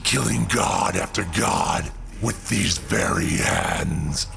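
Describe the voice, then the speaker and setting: Deep, gravelly, brooding god-killing villain. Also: male voice, fairly bright tone, heavily acted. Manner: slow, brooding, theatrical villain monologue. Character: Gorr, grave embittered male alien god killer, menacing zealot. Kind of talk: dramatic comic-book audio drama. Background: music under the voice.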